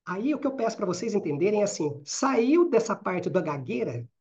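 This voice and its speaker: This career and networking trainer, a middle-aged man from Brazil speaking Minas Gerais Portuguese, gives a live online training talk at a fast clip. He keeps ending sentences with quick audience checks like "né?" and "certo?", in a high voice with big pitch swings and a darkish tone. The lo-fi recording is slightly dull.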